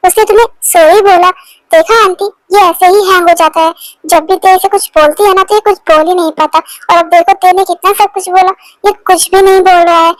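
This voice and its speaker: A friend ribbing the lovesick guy, very high, flat delivery. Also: fairly quick, no room sound. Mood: teasing. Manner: chiding, teasing. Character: teasing friend of the young man. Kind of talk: Hindi fan dub of a romance story.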